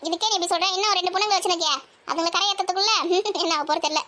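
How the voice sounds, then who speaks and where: A woman's voice: very high-pitched, bright, forceful tone. A woman, playing a village housewife who nags and scolds in everyday family banter. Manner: scolding, nagging, quick back-and-forth.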